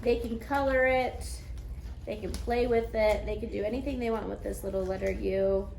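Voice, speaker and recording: A woman teaching young children in a sing-song, clearly enunciated way, encouraging them step by step with simple repeated phrases. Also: medium pitch, steady tone, moderate pace, a little mellow. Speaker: preschool teacher. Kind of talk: instructional lesson for young children. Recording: echoey room with faint background noise.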